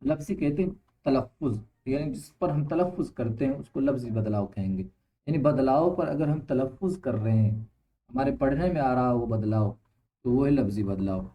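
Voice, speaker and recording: A man teaching Arabic grammar who explains each point slowly, repeats himself and often checks that his students follow. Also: medium pitch, dull audio. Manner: reads Arabic text aloud, then explains it. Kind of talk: classroom-style grammar lesson.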